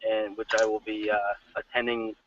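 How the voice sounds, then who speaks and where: A man joins a podcast as a guest and chats in a relaxed, joking way. He speaks from a parked car and sounds set back from the mic. The audio is dull and lo-fi. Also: on the low side, moderate pace, recorded from a distance, slight background noise. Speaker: tournament organizer and guest. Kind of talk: casual live-stream chat.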